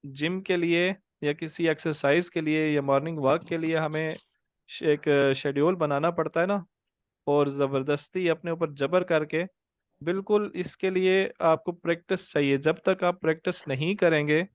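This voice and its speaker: A young man leads an online Quran tajweed class over a video call, patiently drilling letter sounds, stretching them out to demonstrate, and calling on students by name. His voice is fairly high and smooth, and the recording is dry.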